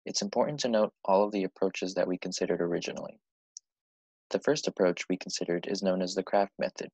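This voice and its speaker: Deep, gravelly man presenting a project. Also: a little mellow, dry recording, rough recording. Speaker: student presenter.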